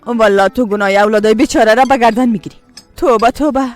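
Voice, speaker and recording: A woman's voice: fairly high pitch, faint music behind, lightly acted. A woman with a Tajik accent voicing a worried, pious middle-aged mother in a dubbed TV drama, fretful and pleading with many sighs. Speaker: mother and wife in a family drama.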